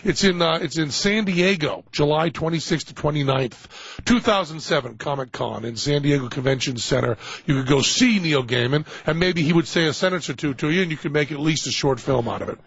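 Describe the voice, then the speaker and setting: A raspy, gravelly man with a New England accent hosts a loose radio show from his home studio, sputtering into comic outrage. The sound is dry and dull, like a lo-fi broadcast. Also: fairly high pitch, brisk, no echo. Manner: excitable, sputtering mock outrage. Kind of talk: casual radio talk.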